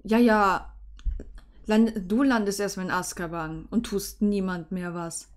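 A woman voicing a brisk young male wizard with an offhand manner in a fan fiction reading. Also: medium pitch, fairly even intonation, close to an everyday voice. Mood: dismissive.

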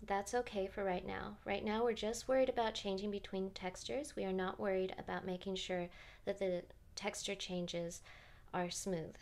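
A woman vocal coach calmly guiding singers through vocal exercises step by step, with short sung demonstrations. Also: medium pitch. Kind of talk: guided vocal exercise instruction.

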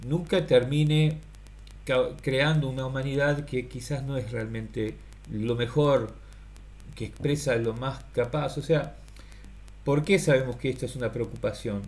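A middle-aged man, thinking aloud in a halting, rambling monologue to a webcam in a small room. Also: mid-range voice, fairly even intonation, a little mellow. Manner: halting, many fillers and restarts, thinking aloud. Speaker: philosophical vlogger. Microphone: webcam at close range.

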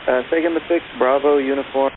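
A man's voice: medium pitch, fairly even intonation, quick pace. A man working as an air traffic controller, giving clipped instructions over a crackly radio. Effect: crackly aviation radio transmission. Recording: narrow-band crackly radio with hiss.

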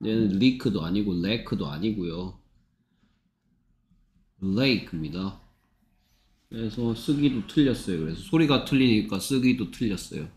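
A man's voice: fairly low pitch, lively intonation, a little slow, long pauses, a little mellow. Impatient man drilling phonics in an echoey room. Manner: drills sounds, impatient and repetitive. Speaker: English phonics tutor. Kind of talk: one-on-one phonics lesson.

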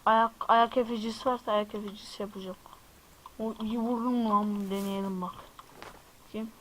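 A man's voice: high-pitched, level tone, normal speed, a bit bright, rough recording. Jumpy young-sounding gaming host, man. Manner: chatty, jumpy, exclaims at surprises and addresses viewers. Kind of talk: casual let's-play commentary.

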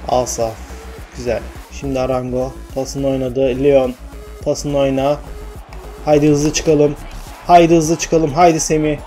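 A young man commentating his own football video game, urging his players on and shouting when chances come. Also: medium pitch, unhurried, soft background music. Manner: excitable, shouts at players, mutters to himself. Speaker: gaming channel host. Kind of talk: live gameplay commentary.

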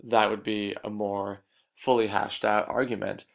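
Guy lecturing on a recording, lowish gravelly voice, goes over stuff twice. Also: little pitch movement, a little slow. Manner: explanatory, repeats key points. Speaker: teacher.

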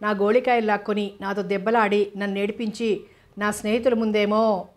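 A woman's voice: medium pitch, level tone, moderate pace, lightly acted. A woman reading as a sulky crying little boy. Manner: sulky, complaining. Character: whiny little boy who cries easily.

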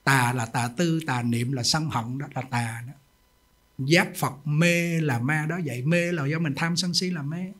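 A man's voice: a little high, a little slow, a bit bright. A man, a Buddhist monk giving a sermon in an emphatic, folksy storytelling way with rhetorical questions.

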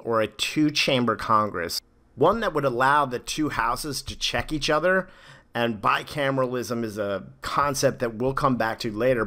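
Guy teacher doing a voice-over lecture, bright punchy voice, steady and clear. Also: mid-range voice. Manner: clear, steady explanatory delivery with teacherly asides. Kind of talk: scripted lecture narration.

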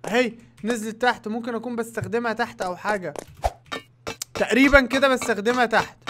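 A man with an Egyptian Arabic accent giving excitable let's-play commentary as a gaming YouTuber, crying out at near-misses. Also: extremely high pitch, fast, music in the background.

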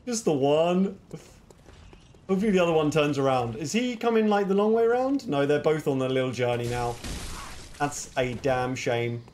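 A young man streaming a game live, laughing and shouting reactions at the enemies he fights. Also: a little high, normal speed, a little hiss or hum. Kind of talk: live gameplay commentary.

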